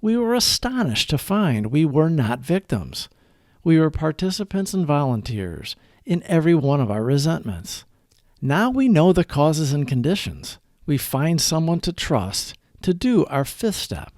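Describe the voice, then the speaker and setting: Close, dry audio with no room sound carries a man's slightly high voice as he hosts a daily recovery reading. He reads the scripted reflection with very expressive, varied pitch, setting out every phrase in an earnest, measured way.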